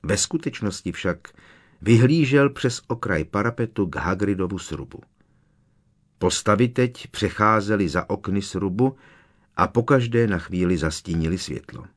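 A man reading a novel aloud as an audiobook narrator, measured and expressive. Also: fairly low pitch.

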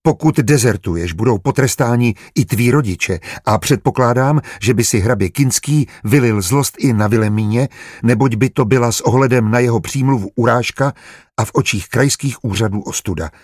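A man reading aloud voices a gentle, measured middle-aged estate official. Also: mid-range voice, no echo, studio quality, close to an everyday voice. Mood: stern.

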